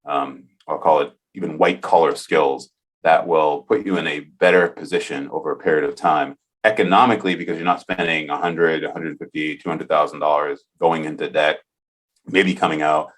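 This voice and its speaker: Deep-voiced earnest male podcast host. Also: steady tone, moderate pace. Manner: earnest, enthusiastic, thinks aloud. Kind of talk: casual interview conversation.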